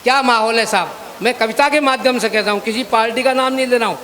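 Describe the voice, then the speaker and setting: A man's voice: very high voice, quick pace, sharp tone. A man reciting satirical poetry on stage, half-singing the refrains and stopping to talk to the audience. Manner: chants and half-sings refrains, breaks off to address the audience. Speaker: poet at a poetry gathering.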